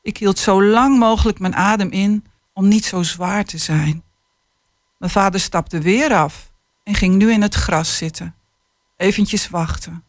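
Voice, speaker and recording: A woman author, a guest on a radio show, speaking in a measured, somewhat hesitant way and reading from her book. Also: mid-range voice, no echo, studio quality. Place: radio studio. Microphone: studio microphone.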